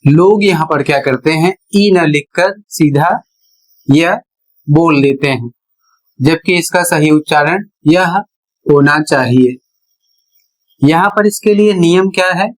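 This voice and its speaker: A teacher explaining English pronunciation rules one step at a time, in a measured, repetitive way. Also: medium pitch. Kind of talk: slow explanatory lesson narration.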